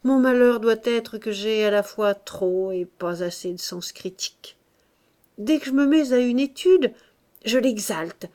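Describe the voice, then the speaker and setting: A woman's voice: on the high side, measured pace, mellow, close to an everyday voice. Woman reading as a tormented aging master painter. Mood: anxious pleading. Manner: pleading, tormented outbursts. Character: anguished aging master painter, burly man, self-doubting. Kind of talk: audiobook character voice.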